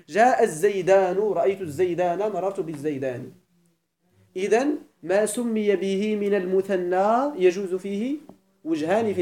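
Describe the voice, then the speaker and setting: A man's voice: high-pitched, warm tone. A man with a Moroccan Arabic accent teaching a grammar lesson, going over each point step by step, repeating it, and often asking whether the class is following. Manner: explains step by step, repeats points, keeps checking students follow.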